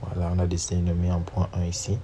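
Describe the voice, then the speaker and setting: Speaking fast in a deep, dark, completely flat voice, a man with a cold walks through a screen-recorded networking tutorial, saying each command and spelling out every number as he types it. He's a networking instructor, and slight background noise can be heard.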